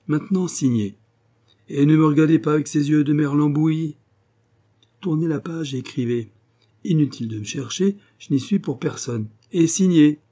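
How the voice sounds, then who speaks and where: A man voicing a suave, cocky gentleman burglar in an audiobook, brisk and commanding, with a mocking edge. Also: fairly high pitch, voice pushed up, lightly acted. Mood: curt commanding. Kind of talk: audiobook character voice.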